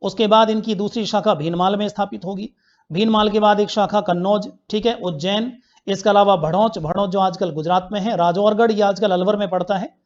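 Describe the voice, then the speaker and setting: A man's voice: high voice, steady tone, fairly quick. Man teaching a history class. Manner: asks quiz questions and answers them himself; repeats key facts for students to remember. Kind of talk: online class lecture. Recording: dull lo-fi recording.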